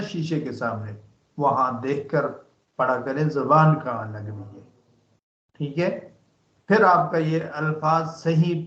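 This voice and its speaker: A man teaching online, drilling letter sounds over a video call, slow and patient, repeating each syllable with emphasis. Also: on the high side, a bit bright. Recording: dull lo-fi video call in an echoey room.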